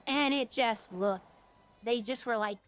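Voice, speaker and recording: A woman's voice: fairly high pitch, measured pace, a little hiss or hum. A woman game streamer talking casually and informally to her viewers, rambling from one thing to the next.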